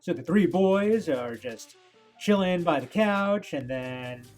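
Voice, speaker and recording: A man's voice: fairly high pitch, lively intonation, takes it slowly, a little mellow, faint music behind. A man giving casual reaction commentary as he reads through a manga, with joking asides. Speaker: manga reviewer and reader.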